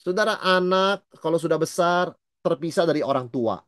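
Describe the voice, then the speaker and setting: Middle-aged male pastor, Bible study teacher, dry close sound, lively delivery that mixes in English. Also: fairly high pitch, moderate pace, dry recording. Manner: lively, mixes in English words, acts out quoted voices.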